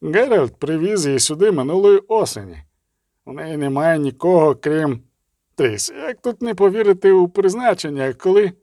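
A man voicing an old, gentle mentor in an audiobook, speaking slowly and in a fatherly way. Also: on the high side, animated, dry recording, studio quality. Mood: earnest.

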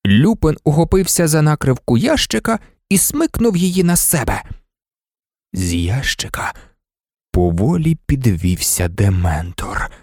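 A man narrating an audiobook in an expressive scripted reading that shifts voices for the characters. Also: fairly low pitch, no echo, studio quality.

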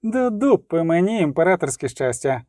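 A woman's voice: fairly low pitch, big pitch swings, normal speed, a little mellow, no echo, clean studio sound. A man voicing an arrogant, mocking young female outlaw in an audiobook. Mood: scornful. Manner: scornful, mocking.

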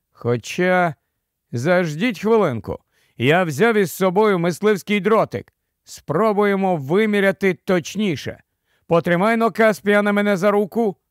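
A man reading the part of a sensible, quick-thinking boy in a storybook, speaking earnestly. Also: high-pitched, no echo, clean studio sound.

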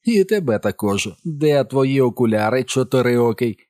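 A man reading an audiobook, voicing a brutal teenage boy bully who speaks in a higher, slow, taunting voice. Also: animated, a little mellow, dry recording, clean studio sound, close to an everyday voice.

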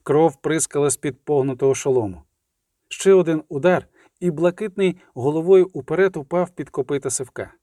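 A male audiobook narrator telling a violent battle scene in a steady, vivid way. His voice sits a bit higher than most men's. It is recorded on a close studio mic in a completely dry sound. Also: moderate pace, no room sound. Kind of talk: dramatic scripted narration.

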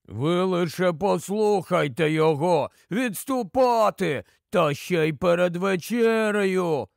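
Gruff, hungry bears roar in loud indignation, as a man voices them. The delivery is raised and forceful, recorded dry and close for an audiobook. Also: high voice, animated, slow, no echo, exaggerated voice. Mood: outraged. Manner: roaring, indignant.

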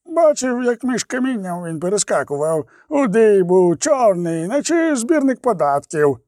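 A man voicing a jumpy, excitable male gnome in an audiobook, insistent and anxious. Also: high voice, unhurried, no room sound, studio quality, pitched above the performer's own voice. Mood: jittery.

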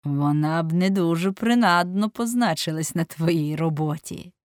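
A woman reading aloud voices an ironic, cynical aristocrat who talks in a dry, mocking, unhurried way. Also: on the low side, no room sound, lightly acted. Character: suave ironic aristocratic man, amused and cynical.

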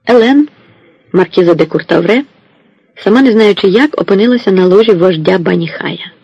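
A man narrating an audiobook in a steady, unhurried storytelling voice. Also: high-pitched, vocal fry, breathy edge, no room sound, highs cut off.

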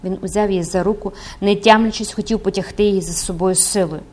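A woman narrating a classic novel as an audiobook in an expressive, dramatic way. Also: mid-range voice, fast talker. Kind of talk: scripted narration.

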